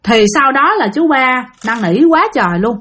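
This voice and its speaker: A woman's voice: high voice, sing-song, normal speed, fairly bright tone. A woman telling a ghost story in a chatty way, often turning to speak to her listeners directly. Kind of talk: casual ghost-story narration.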